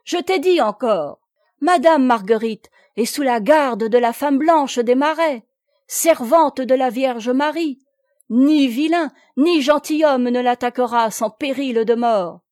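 A woman's voice: high-pitched, slow pace, a little mellow, no room sound, studio quality, pitched above the performer's own voice. A woman voicing a fierce young male boatman who declaims in a ringing voice. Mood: defiant.

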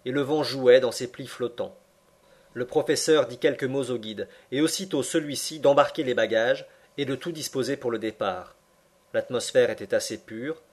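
A man narrating a literary audiobook in a measured, expressive reading voice. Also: mid-range voice.

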